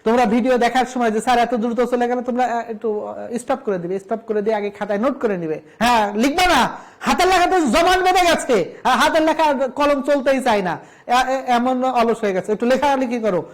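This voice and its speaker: A man's voice: very high-pitched, fairly quick. A man from Bangladesh, a college lecturer giving a recorded lesson, emphatic as he drills word lists and repeats his instructions.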